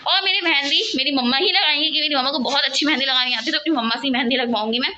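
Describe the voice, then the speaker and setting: A woman vlogging casually at home, chatting and rambling to her viewers and talking loudly over household noise. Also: sits high, very fast, dull audio. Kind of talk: casual home vlog chat. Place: at home, cooking and sweeping nearby.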